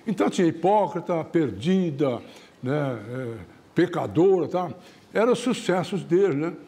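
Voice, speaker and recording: A man's voice: on the high side, expressive, measured pace, mellow. Folksy male storyteller. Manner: chatty, frequent tag questions, acts out characters. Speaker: TV show host.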